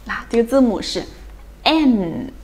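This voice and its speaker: Speaking at a medium pitch, a female teacher takes students through English phonics, drilling each sound slowly and checking their understanding often.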